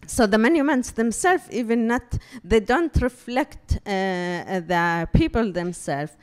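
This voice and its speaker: A woman from Palestine, an artist giving a public talk, speaking haltingly and searching for words with many fillers. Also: medium pitch, animated, smooth. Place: talk room before an audience.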